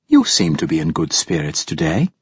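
A man voicing a calm, polite female android servant who speaks in a patient, precise way. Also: a bass voice, moderate pace, husky, no echo, muffled recording, pitched below the performer's own voice, full character voice.

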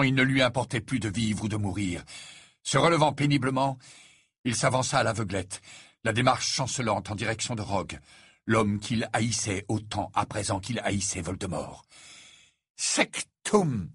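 A man reading a fantasy novel aloud in measured, dramatic scripted narration. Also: mid-range voice, fairly bright tone, husky, no echo, studio quality. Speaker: audiobook narrator.

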